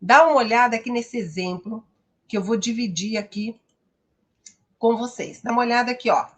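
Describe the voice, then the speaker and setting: A woman's voice: on the high side, moderate pace. A Brazilian woman English teacher giving a live-streamed pronunciation lesson, explaining patiently and often checking in with her viewers. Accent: Brazilian Portuguese.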